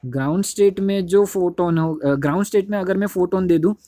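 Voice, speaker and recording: A man's voice: high voice, a little fast, warm tone, no echo, clean studio sound. A young man teaching a chemistry lesson in casual Hindi classroom style, repeating himself and correcting slips as he writes. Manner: repetitive, keeps saying "dekho", self-correcting. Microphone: phone held while writing on screen.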